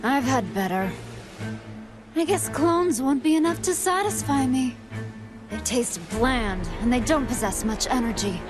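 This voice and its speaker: A woman's voice: high voice, expressive, unhurried, over music. A woman voicing a cold, haughty, hungry evil android in a video game cutscene. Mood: cold disdain.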